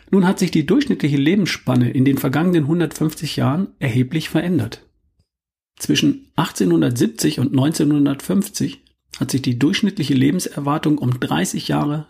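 A middle-aged man hosting a podcast, delivering a calm, measured, scripted monologue. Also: fairly high pitch, creaky, slightly rough. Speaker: podcast host.

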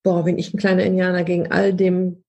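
A woman hosting a casual conversation, chatty and animated as she tells stories. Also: fairly low pitch, a little fast.

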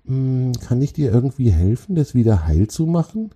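A man's voice: medium pitch, sing-song, moderate pace, dark tone, breathy edge, voice pushed up. Man doing a meek, friendly young troll. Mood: apologetic, friendly. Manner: meek, apologetic. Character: friendly, apologetic young male troll wanderer.

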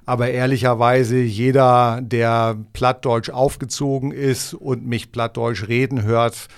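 A middle-aged man from East Frisia speaks with a gravelly edge to his voice. He chats in a relaxed, frank way as a guest on a podcast and slips Low words into his talk. The pitch sits in the middle of the male range. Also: a little slow. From East Frisia, northern Germany. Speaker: editor-in-chief and podcast guest. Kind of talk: casual podcast chat.

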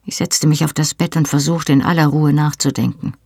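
An audiobook reader narrating a novel in a measured, expressive way. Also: medium pitch, vocal fry, breathy edge, dry recording, clean studio sound.

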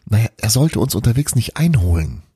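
Brief: a sheepish young witch woman, hesitant and wavering, husky tone, man voicing her. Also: fairly low pitch, very animated, normal speed, darkish tone, no room sound, studio quality, heavily acted.

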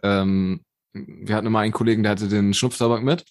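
A man's voice: fairly low pitch, steady tone, a little fast, no room sound, studio quality. A young man co-hosting a casual podcast chat, talking in a slangy, rambling way full of swearing. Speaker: podcast co-host.

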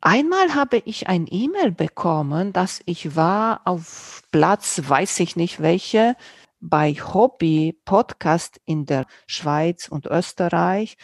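Speaking slowly with lively intonation, this woman's voice sits on the low side, with no echo in the recording. A Romanian-accented podcast host using German as her second language, she chats casually as a guest on someone else's podcast about her own. Her loose sentences grope for words, and her grammar is non-native.

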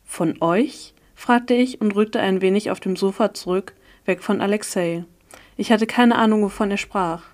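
A woman narrating a novel in the first person at a calm, even reading pace. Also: mid-range voice, moderate pace. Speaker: audiobook reader.

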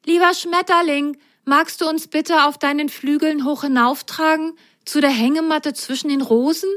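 Storybook girl sock, high and eager, a bit unsure, voiced by a woman. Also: steady tone, normal speed, fairly bright tone. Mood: excited. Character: excitable young girl sock, hesitant.

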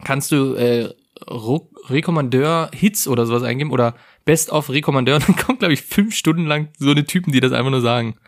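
A man's voice: medium pitch, brisk, few pauses. Jokey podcast guy from saxony, chatty casual banter, normal mid voice. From Saxony, Germany. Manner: playful, jokey, laughs a lot. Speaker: podcast co-host. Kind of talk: casual chat.

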